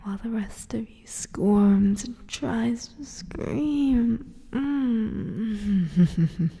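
A woman voicing a predatory female succubus in an erotic audio roleplay, whispering nearly every line in a slow, taunting way. The voice is gravelly, breathy and dark, with a long hall reverb around it. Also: fairly high pitch, heavily acted. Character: predatory teasing female succubus, cruel and gloating.

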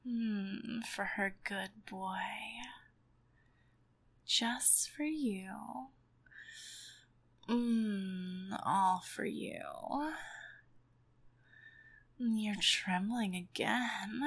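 A woman speaks in a sultry ASMR role-play at a very unhurried pace. Her breathy voice often catches in a soft fry, and her manner is doting. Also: mid-range voice. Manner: sultry, slow, doting narrator.

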